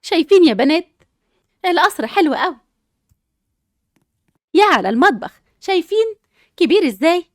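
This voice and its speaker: A woman's voice: very high-pitched, sing-song, a little fast, pauses often, dry recording, studio quality. A woman with an Egyptian accent playing a cheerful, doting mother who talks in a bubbly way.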